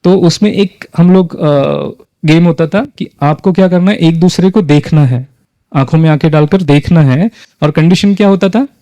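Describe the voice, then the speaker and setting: A man's voice: fairly high pitch, warm tone, no room sound. A man facilitating a live workshop, leading a group exercise and often asking the audience questions. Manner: engages the audience with frequent questions, mixes in English phrases.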